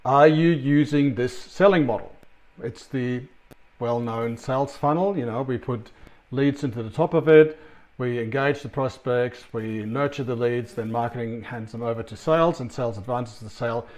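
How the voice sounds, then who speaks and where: A middle-aged Australian sales consultant speaks in a medium-pitched, slightly mellow voice at normal speed. Presenting a recorded conference talk from his office, he's conversational and chatty, frequently saying um and restarting his sentences.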